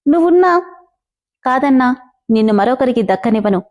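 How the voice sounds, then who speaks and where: Obsessive young man who mocks and threatens, as a woman storyteller reads him; high pitch, mellow tone. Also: animated, fairly quick, lightly acted. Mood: taunting. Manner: taunting, possessive.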